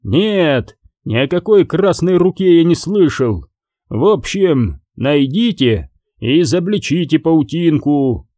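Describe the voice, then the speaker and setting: A man's voice: fairly high pitch, lively intonation, slow, mellow, no room sound, clean studio sound, voice pushed up. A man voicing the pompous, grumbling ghost of a male elf king. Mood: blustering.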